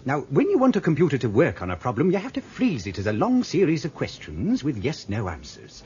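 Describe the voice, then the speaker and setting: In a radio drama, an actor with a medium-pitched, dark voice plays a fussy, grumbling older British man, a former trainee computer operator. His pitch swoops wildly and his pace is brisk as he rambles and explains pedantically. The recording is dull lo-fi radio with hiss.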